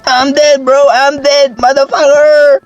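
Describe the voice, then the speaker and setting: A woman's voice: high voice, flat delivery, takes it slowly, heavy background noise. A young Filipino woman playing a horror game as a let's play, swearing a lot, yelping at scares and mixing Tagalog with English. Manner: jumpy, swears a lot, yelps and shrieks at scares; mixes Tagalog with English, calls viewers "boy". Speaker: gaming YouTuber. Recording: slightly dull lo-fi sound, faint game music.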